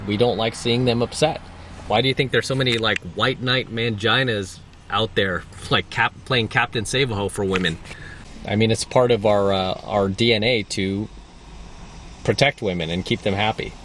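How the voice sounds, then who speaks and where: A man's voice: medium pitch, slight background noise. A man giving a blunt, emphatic coaching monologue as a dating coach, repeating his points for stress.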